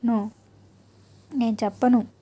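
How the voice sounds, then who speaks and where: A drunk, sulky young husband in an audio storybook, as a woman narrator puts him on, dragging out slow, pleading words. The voice is mellow and a little husky, with a flat tune. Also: a little high.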